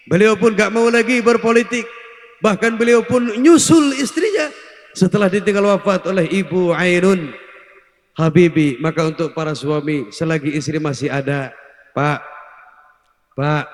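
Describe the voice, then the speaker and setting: A male preacher giving a comic sermon, joking and teasing the crowd, mixing in Javanese words. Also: sits high. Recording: echoey hall, long reverb.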